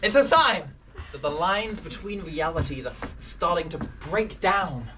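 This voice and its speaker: A woman acting a hesitant, dry-humored explainer in a comic musical, with a halting, stammering delivery. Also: on the low side, animated. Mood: uneasy, explaining. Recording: distant mic, loud noise behind.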